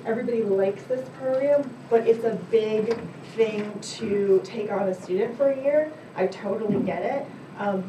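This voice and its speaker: A woman coordinating an exchange program, giving a relaxed, candid report at a board meeting with frequent filler words. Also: mid-range voice. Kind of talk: presentation at a school board meeting. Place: school board meeting room. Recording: echoey room, mic far off, noisy.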